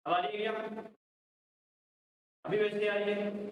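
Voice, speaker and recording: A man's voice: high voice, little pitch movement, normal speed. An Indian man teaching a chemistry class online, calling his students beta and checking whether they can hear him. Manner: addresses students as beta, repeats hello mic checks. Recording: echoey distant mic, faint noise.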